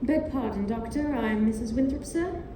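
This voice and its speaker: A woman's voice: on the high side, normal speed, roomy sound, background noise, natural voice. A woman playing a prim, severe schoolmistress with formal politeness in a stage play. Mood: prim, polite.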